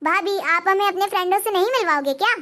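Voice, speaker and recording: Woman doing a sweet cartoon college girl, very high voice, soft n reassuring. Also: fast talker. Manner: gentle, reassuring. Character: kind dutiful young sister-in-law, a student. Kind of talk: Hindi cartoon dub.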